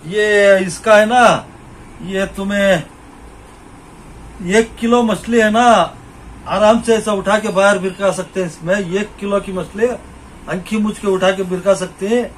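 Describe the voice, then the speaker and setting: High-voiced middle-aged man showing shop gear. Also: fairly even intonation, a little slow, a little hiss or hum, rough recording. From India. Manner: repetitive, points things out to the viewer. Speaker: fishing shop owner. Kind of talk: casual product demonstration. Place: small cluttered shop, indoors.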